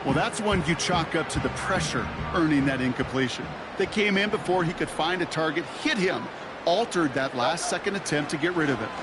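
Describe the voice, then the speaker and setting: High-voiced male football analyst, acted by a man. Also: animated, brisk, over loud music, lightly acted. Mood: assured. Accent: American. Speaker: color commentator. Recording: loud stadium noise behind.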